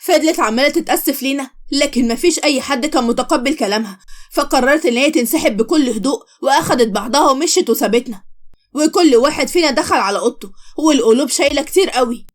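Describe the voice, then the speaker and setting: An Egyptian Arabic woman tells a dramatic story. Her voice sits high and she talks fast. She voices every character herself, one after another. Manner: quick, expressive, switches voices between characters. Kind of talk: dramatic story narration, voicing all characters.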